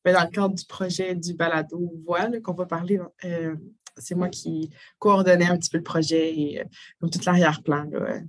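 A woman's voice: fairly low pitch, little pitch movement, normal speed. A young woman in her twenties from Quebec with a Québécois French accent, a speech therapy master's student who introduces herself hesitantly, with many fillers.

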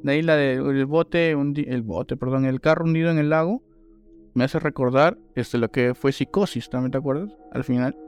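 A man's voice: medium pitch, normal speed, faint music behind. A man chatting casually about a horror film, rambling with frequent restarts. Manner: relaxed, rambling, hesitant restarts. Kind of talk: casual film review chat.

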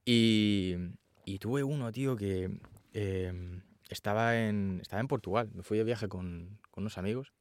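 Animated man telling a story. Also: on the low side, unhurried, no echo, studio quality. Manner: animated storytelling, acts out quotes. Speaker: actor guest. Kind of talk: casual interview chat.

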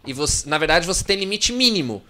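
Bright-voiced man, chatty. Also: a little high, very animated, quick pace. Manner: chatty, storytelling with restarts. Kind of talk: casual podcast chat.

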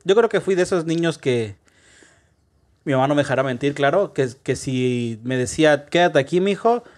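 A man's voice: mid-range voice, normal speed. A man with a Mexican accent, a guest on a casual podcast, talking about his own childhood in an easygoing way. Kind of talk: casual chat.

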